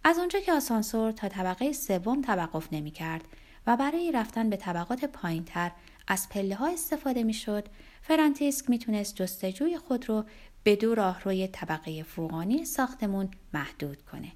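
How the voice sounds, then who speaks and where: A woman narrating a novel, her pitch moving in lively, animated swings. She reads expressively and sometimes drops to a hushed near-whisper. The pitch sits in a middle register. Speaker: audiobook narrator.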